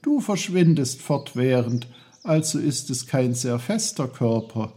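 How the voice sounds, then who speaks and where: A man's voice: mid-range voice, sing-song, measured pace, dark tone, husky, pitched above the performer's own voice. A man voicing Peter, a curious young boy who asks eager questions. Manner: eager, wondering.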